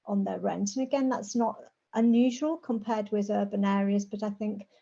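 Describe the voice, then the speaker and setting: A middle-aged or older woman who says her r's as w, giving an informal, measured presentation in a conversational manner. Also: mid-range voice, fairly even intonation, gravelly. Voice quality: says w for r, soft r sounds. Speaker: guest speaker, rural housing specialist. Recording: dull, lo-fi call audio.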